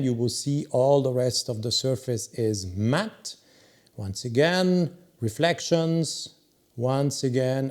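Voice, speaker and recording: Slow, mellow-voiced man. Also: medium pitch. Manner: opinionated, emphatic, drawn-out pauses. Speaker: watch reviewer. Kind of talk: product review talk.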